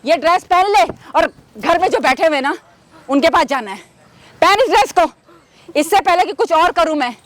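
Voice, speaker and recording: A woman's voice: extremely high pitch, lively intonation, normal speed, no echo. An actress playing a cruel, scheming mother-in-law who threatens her daughter-in-law in a cold, insistent way. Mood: threatening. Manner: menacing, coldly insistent, repeats threats. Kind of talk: web short drama acting.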